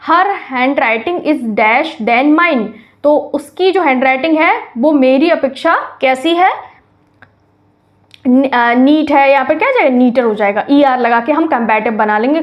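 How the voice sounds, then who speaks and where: A woman's voice: sits high, dull audio. A woman teaching English grammar, explaining exercise answers step by step, often asking a question and then answering it herself.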